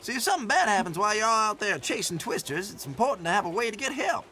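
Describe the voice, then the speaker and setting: An actor playing a folksy, teasing old country shopkeeper with an American Southern accent and a youthful, sprightly manner, in a video game. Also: male voice, sits high, very animated, quick pace, pushed and bright, a little hiss or hum, heavily acted. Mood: friendly, explanatory. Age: older. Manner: youthful, spry elder, folksy and playful. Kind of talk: video game character dialogue.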